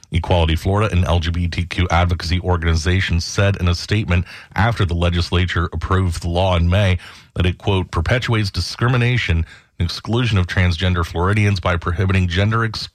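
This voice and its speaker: A male radio news anchor with a very low voice reads scripted headlines in a steady, measured manner. The studio sound is dry and close, with no room sound at all.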